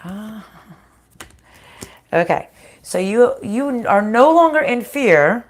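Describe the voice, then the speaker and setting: A woman with a groggy, slightly hoarse voice recovering from a sinus infection, giving a casual spiritual card reading and thinking aloud in a halting, conversational way. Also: a little high, lively intonation. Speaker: spiritual card reader hosting a live reading.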